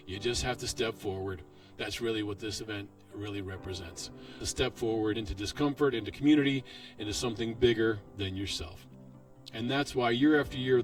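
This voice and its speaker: A man narrating a scripted promotional video as a local host, in measured, short dramatic phrases with pauses. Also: mid-range voice. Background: background music.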